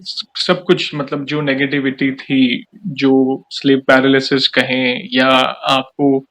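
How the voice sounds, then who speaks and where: A man hosting an interview, who asks questions and then explains points in a calm, measured way. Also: mid-range voice. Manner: calm, measured, with frequent affirming replies. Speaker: host interviewer. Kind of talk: interview and spiritual commentary.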